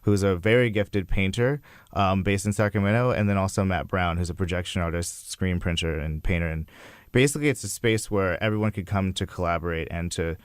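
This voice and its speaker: A man's voice: deep voice, a little fast, clear, resonant tone, no echo, clean studio sound. A young man talking casually as a guest in an interview. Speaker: interview guest, creative entrepreneur.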